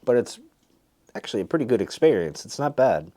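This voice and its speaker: A man's voice: mid-range voice, big pitch swings, brisk, mellow. A man giving a casual, rambling review to viewers, thinking aloud in a hesitant, musing way. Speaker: pipe tobacco reviewer hosting a video.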